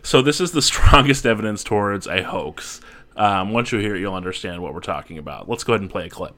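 A man co-hosts a casual podcast with a low but bright voice. His pitch swings widely as he jokes with his co-host. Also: expressive, fast.

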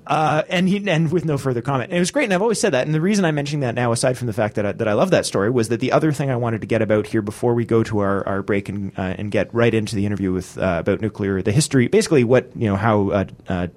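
A man hosts a podcast at a quick clip. His talk rambles, full of fillers and restarts, in a voice of middle pitch. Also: darkish tone. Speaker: podcast host. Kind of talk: casual podcast discussion.

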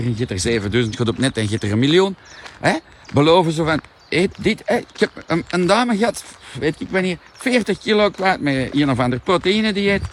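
Flemish male seller, animated, swears a lot, mid-pitched voice, faint outdoor noise. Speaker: product seller. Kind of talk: outdoor live vlog.

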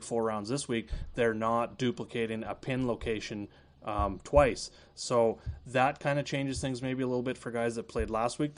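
A man with a Canadian accent giving casual golf betting analysis, talking loosely with many fillers. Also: on the low side. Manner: relaxed, filler-heavy, thinks aloud. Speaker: fantasy golf analyst guest.

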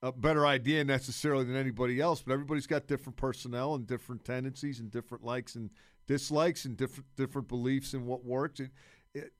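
A man giving casual sports analysis as a radio commentator, haltingly repeating words as he works out his points. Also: mid-range voice, fairly even intonation, no room sound, clean studio sound.

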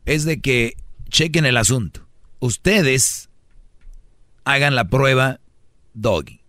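Brash Mexican male host, mid-pitch, dry studio, comic sermon on dating. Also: takes it slowly, fairly bright tone, no room sound. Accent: Mexican Spanish. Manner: brash, preachy, mimics voices for jokes. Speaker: radio host giving dating advice. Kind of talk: comic radio monologue.

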